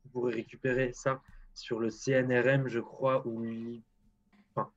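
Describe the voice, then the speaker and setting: A French-accented man appears as a guest agroclimatologist on a live stream, speaking at normal speed with medium pitch and a level tone. He is blunt and self-deprecating and keeps restarting his sentences, all captured in lo-fi sound.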